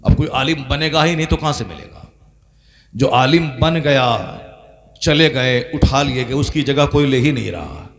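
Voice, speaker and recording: A man's voice: mid-range voice, expressive, unhurried. A man preaching a sermon, building his points through repeated refrains and rising to impassioned peaks. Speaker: Islamic preacher.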